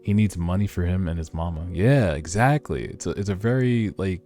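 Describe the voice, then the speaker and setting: A man with a low, mellow voice reads a webtoon aloud as a streamer at a moderate pace, reacting in casual slang with some swearing. Background music plays behind him.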